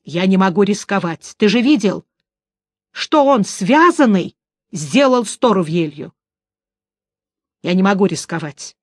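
A woman voicing a cold, calm male elf commander who speaks quietly and in a measured way. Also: medium pitch, no echo, studio quality. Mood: firm.

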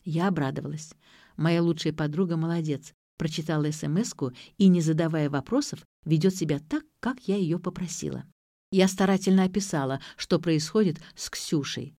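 A woman reading an audiobook in an even, steady narrating manner. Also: low voice, normal speed, no echo, clean studio sound.

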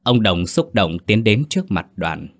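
A male storyteller reads a ghost story in a measured, somber way. His voice is very low and steady, with an even reading pace. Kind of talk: scripted ghost story narration.

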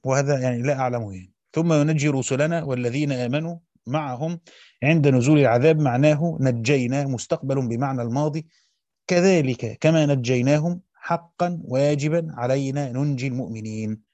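Guy reading a commentary text real fast, short side comments, dull dry lo-fi recording. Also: medium pitch, dark tone, no room sound. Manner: reads quickly, breaks in with short colloquial asides. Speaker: teacher of Quranic exegesis. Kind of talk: rapid reading of a classical text with brief explanations.

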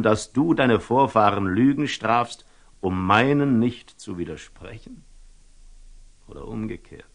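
An actor playing a wise, calm merchant and eloquent storyteller in a classical radio drama, speaking with rhetorical, deliberate emphasis. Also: male voice, mid-range voice, creaky, full character voice. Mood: reasoning, insistent. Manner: rhetorical, deliberate, with emphatic rises and hushed drops.

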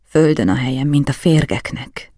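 A man's voice: medium pitch, lively intonation, mellow, dry recording, studio quality, close to an everyday voice. A man voicing a powerful margrave who is terrified and desperate, swinging from eager to frantic to whispered pleading in an audiobook. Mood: despairing. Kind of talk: audiobook character voice.

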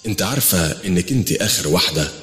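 A man's voice: deep voice, expressive, very fast, a bit bright, echoey room, long reverb tail. A man with an Egyptian accent voicing a mocking, arrogant female jinn queen in a spoken horror story. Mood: scornful. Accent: Egyptian Arabic. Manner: scornful, teasing.

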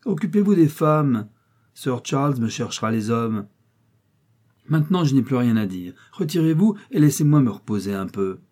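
A man voicing an old, ailing, wealthy gentleman who is commanding and impatient, in an audiobook reading. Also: mid-range voice, sing-song, normal speed.

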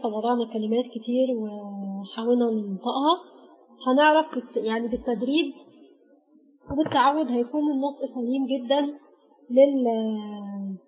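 A woman with an Egyptian accent teaching an Arabic grammar lesson, patiently naming letters one by one with pauses. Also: a little high, slightly rough. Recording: dull lo-fi recording.

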